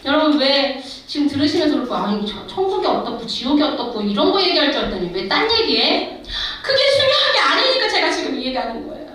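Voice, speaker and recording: A woman's voice: high-pitched, big pitch swings, fast talker, hardly any pauses, fairly bright tone. A middle-aged woman missionary giving an emphatic testimony sermon in a church, exhorting the congregation directly. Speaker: missionary preacher. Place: church sanctuary. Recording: echoey hall, far from the mic.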